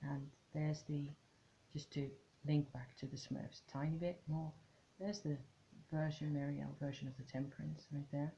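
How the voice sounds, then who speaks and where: A woman's voice: low voice, level tone, normal speed, gravelly, dark tone, muffled recording, a little hiss or hum. A woman vlogging about tarot at home, chatting to camera in a musing way and trailing off into restarts. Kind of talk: casual chat to camera.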